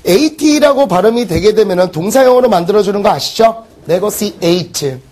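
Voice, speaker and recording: A man teaching an exam-prep English lesson, firing quick rhetorical questions at the class. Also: high-pitched, animated, darkish tone. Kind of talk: recorded exam-prep lecture.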